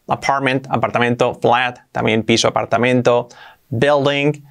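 Gravelly Spanish man teaching English. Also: mid-range voice, steady tone, fairly bright tone. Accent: Spanish from Spain. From Spain. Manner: repeats example phrases slowly, acts out little dialogues. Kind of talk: casual language lesson.

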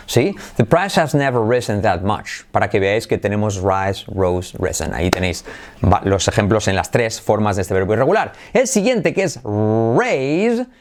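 Lively man teaching English pronunciation. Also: fairly low pitch, normal speed. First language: Spanish. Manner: lively, drills words by repeating them. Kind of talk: energetic video lesson.

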